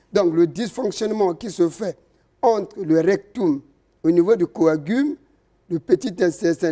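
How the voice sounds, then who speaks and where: A man, a traditional healer interviewed as a guest, explaining slowly and step by step with hesitations. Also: high-pitched, warm tone. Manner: slow, didactic, explaining step by step with many hesitations.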